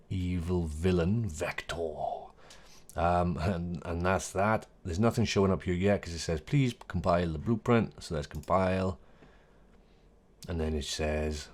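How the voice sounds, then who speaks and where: A man, the host, talking casually through a screen-recorded software tutorial, correcting himself and making small jokes, his voice a little hoarse. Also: low-pitched. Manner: chatty, self-correcting, jokey asides. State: voice going a bit hoarse.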